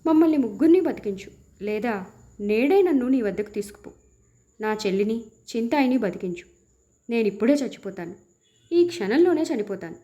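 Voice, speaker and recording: A woman's voice: a little high, dark tone, natural voice. A woman voicing a poor young husband in a storybook, who pleads and cries out in anguish.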